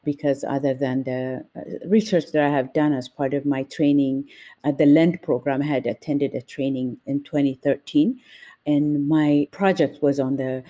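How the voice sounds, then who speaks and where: An Ethiopian woman who works as a nurse and family advocate speaks as an interview guest in a measured, deliberate manner. Her voice is very deep, mellow, and steady in tone.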